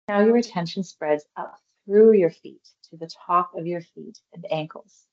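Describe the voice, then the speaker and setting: In a slightly muffled recording, a female meditation guide leads a body scan as a guided mindfulness exercise. She speaks in a low, creaky voice, calm and reassuring, letting her phrases unfold without hurry.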